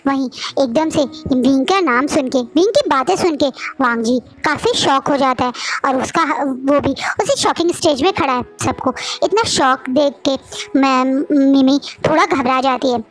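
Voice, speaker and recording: A woman casually retelling a fan fiction story, often restarting and correcting herself. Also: high voice. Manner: frequent restarts and self-corrections.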